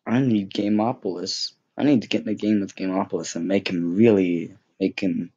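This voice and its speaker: A man's voice: low voice, steady tone, moderate pace, dark tone, slightly rough, dull audio. A young man giving casual, joking gameplay commentary, rambling with many fillers and mocking himself. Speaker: gaming YouTuber.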